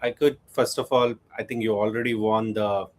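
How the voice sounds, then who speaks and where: A man on a remote panel, friendly and encouraging, praising the pitch and thinking aloud as he asks his question. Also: fairly even intonation, normal speed, rough recording. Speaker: panelist judge. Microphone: video call.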